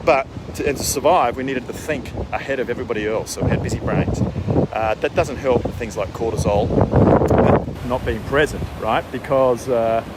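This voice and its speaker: Guy doing a chatty coaching vlog outside, mid pitch, really windy mic w boat and water noise. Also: normal speed. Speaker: wellness coach for executives. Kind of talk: casual spoken advice vlog.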